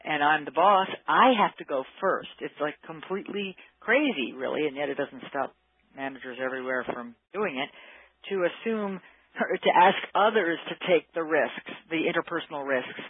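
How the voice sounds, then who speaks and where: The man's voice is a little high and slightly rough, delivered at normal speed in a dry recording with phone-line quality. Interviewed as a workplace psychology expert, he thoughtfully explains his views in conversation, searching for words as he goes.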